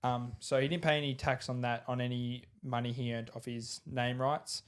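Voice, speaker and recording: A man's voice: medium pitch, level tone, moderate pace, smooth. An Australian man co-hosting a podcast in casual, joking sports chat. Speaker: podcast co-host.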